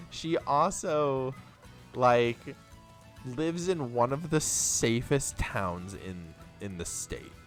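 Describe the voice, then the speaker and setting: A man's voice: mid-range voice, expressive, drawn-out words, soft background music. A young man streaming a game, chatting casually and rambling through a story while swearing freely. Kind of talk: casual chat while gaming.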